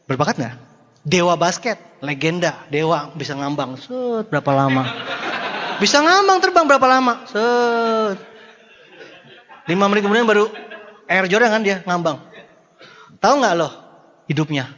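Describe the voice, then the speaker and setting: A man giving a jokey, animated motivational seminar talk, swinging between loud bursts and low murmurs. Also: moderate pace, long pauses, muffled recording. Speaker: motivational speaker. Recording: long hall reverb.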